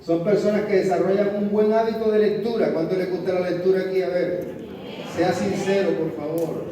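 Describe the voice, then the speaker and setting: A man's voice: high-pitched, steady tone, normal speed, crowd noise. A man preaching a sermon, calling out to the congregation and prompting amens. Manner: call-and-response, prompting amens. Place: large hall. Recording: echoey hall from far off.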